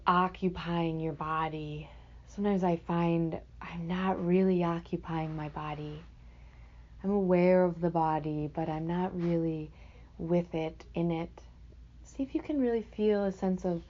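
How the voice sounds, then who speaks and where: A woman with a fairly low pitch teaches a guided meditation, unhurried and gentle, speaking spontaneously with reflective pauses between phrases. The recording has its highs cut off.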